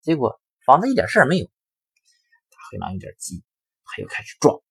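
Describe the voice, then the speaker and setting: A man narrating a children's story in a lively, expressive reading. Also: mid-range voice, normal speed, gravelly, breathy edge, no room sound. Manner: lively, expressive reading with sharp rises in volume.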